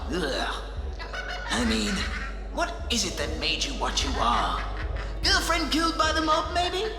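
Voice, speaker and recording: Wildly swinging, manic Joker villain. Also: male voice, high voice, vocal fry, exaggerated voice. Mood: taunting, mocking. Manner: theatrical, swinging between mutters, shouts and cackles. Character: manic, taunting, theatrical male clown-like villain. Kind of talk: amateur radio drama acting. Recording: echoey reverberant drama mix, loud music bed. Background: loud music, rain.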